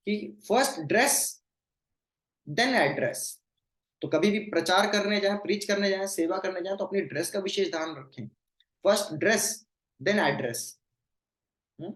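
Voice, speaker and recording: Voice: mid-range voice, fairly bright tone. Devotional teacher in a roomy echo. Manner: recites Sanskrit verses slowly, then explains them; mixes English phrases into the talk. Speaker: scripture teacher. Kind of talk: devotional scripture class.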